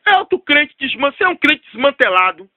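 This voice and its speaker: A man preaching a sermon, telling a story and repeating key phrases while dropping low for emphasis. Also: very animated, a little fast, sharp tone, dry recording.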